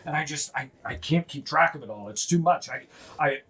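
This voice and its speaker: A game master voicing a gruff, overworked dwarf man who rambles through his complaints. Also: mid-range voice, animated, a little fast, a bit bright. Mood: worried.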